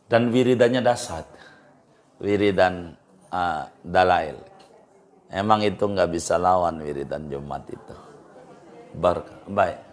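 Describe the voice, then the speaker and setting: A middle-aged man, a cleric giving informal religious advice, repeating phrases for emphasis and jumping in pitch. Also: slow pace, pauses often. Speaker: Islamic cleric.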